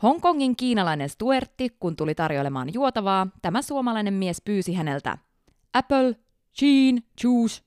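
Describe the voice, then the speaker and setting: A woman co-hosting a casual podcast as a flight attendant, telling stories in an animated way and laughing often. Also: medium pitch, few pauses, smooth, no room sound, clean studio sound. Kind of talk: casual podcast chat, reading listener stories.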